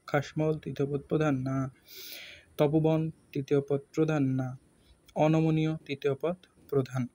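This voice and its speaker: A man with a Bangladeshi Bengali accent works through exam questions one by one as a tutor. He speaks haltingly, pausing often and filling gaps with hesitations. His voice is husky and mellow, set a little high. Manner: halting, with many fillers and pauses.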